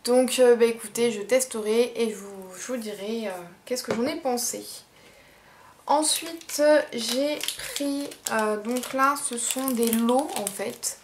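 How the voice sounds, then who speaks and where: A young woman chatting casually in a haul vlog, unhurried, with many fillers. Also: fairly high pitch, slight background noise. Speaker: beauty vlogger.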